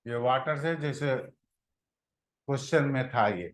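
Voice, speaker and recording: A man teaching a chemistry class, pausing to scold and prod his students to answer. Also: mid-range voice. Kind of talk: classroom lecture.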